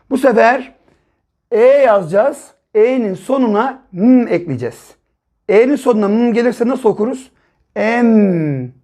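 A man teaching young children to read and write, explaining slowly step by step, repeating syllables and often checking with them. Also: high-pitched, a little mellow. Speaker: primary school teacher. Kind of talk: early reading and writing lesson for children.

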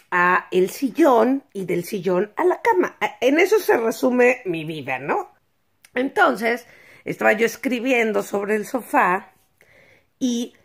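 A woman's voice: medium pitch, vocal fry. A woman from Mexico City with a Mexico City Spanish accent, telling a story in a slangy, crude and humorous vlog from her bed at home. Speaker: vlogger.

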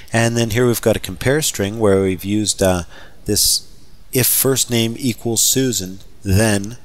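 Low-voiced man walking through code. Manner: relaxed, conversational, thinking aloud with fillers. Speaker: software trainer. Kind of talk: screen-recorded coding tutorial.

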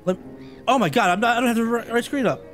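A man streaming a game live, chatting excitably with viewers and laughing often. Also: very high voice, fast, faint music behind.

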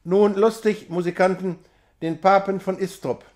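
A man's voice: fairly high pitch, normal speed, darkish tone, lightly acted. A man reading a classic novella aloud, voicing a proud, boastful young male peasant in a commanding tone. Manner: commanding, swaggering.

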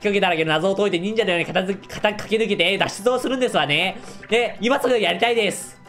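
A hoarse man voicing a prim, eager young woman made of paper from a video game, in ladylike phrasing close to his own voice. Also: sits high, fast, a bit bright, faint music behind.

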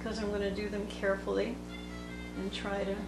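A woman teaching watercolor, thinking aloud slowly as she paints at a table. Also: mid-range voice, flat delivery. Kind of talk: unscripted painting tutorial narration. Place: indoor table workspace. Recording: echoey room with background music. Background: soft instrumental music.

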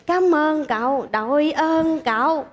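This is a proud, poor old grandmother in a comedy sketch. She talks slowly, in a high voice, with measured reproach. Each point is weighed before she makes it. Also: big-room sound, background noise. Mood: dignified reproach.

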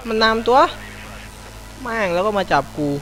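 Excitable young man swearing over racing game. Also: sits high, moderate pace, low-quality recording. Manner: swearing, excitable outbursts, mock prayers. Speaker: gameplay commentator. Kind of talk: casual let's-play commentary.

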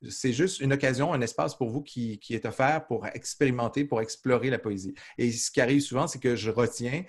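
Brisk and a bit rough, this medium-pitched man teaches a literature class as its professor. His replies to student questions are full of hesitation, with many "euh" fillers and false starts.

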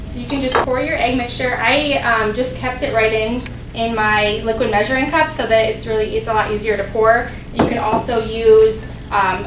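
A young woman with a slightly high voice talks through a recipe step by step, friendly and full of ums. She is heard from a distance in a large, echoing demonstration kitchen with a steady hum of noise behind her. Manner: friendly, explanatory, many ums and uhs. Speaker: dietetic intern doing a cooking demo. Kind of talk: cooking demonstration. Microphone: distant camera mic. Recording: roomy kitchen sound from afar, background noise.

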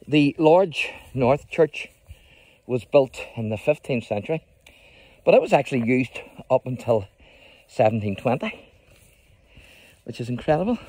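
A man's voice: medium pitch, dark tone, no echo. A middle-aged man, chatting enthusiastically to viewers as he films a walking tour outdoors on his phone. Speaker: history trail guide. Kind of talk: casual walking tour vlog. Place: outdoors in a rural graveyard.

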